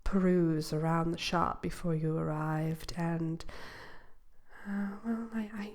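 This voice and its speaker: A woman playing a sly, genteel wicked witch shopkeeper in a soft, partly whispered ASMR roleplay, speaking with hesitant formality. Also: deep voice, steady tone. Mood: coy, conspiratorial. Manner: slow, hesitant drawl with genteel, formal wording. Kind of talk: ASMR roleplay, soft-spoken to one listener.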